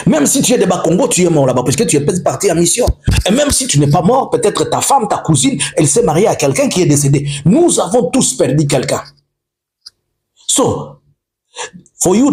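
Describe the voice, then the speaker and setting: Impassioned man, lively pitch. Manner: emphatic, repetitive, switches between French and English. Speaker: preacher. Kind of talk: impassioned political monologue.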